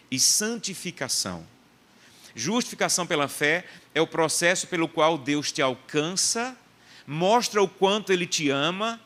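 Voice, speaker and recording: Male pastor, sermon delivery, emphatic with story-driven repetition, voice sits a little high. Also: a bit bright. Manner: emphatic preaching with anecdotes and repetition.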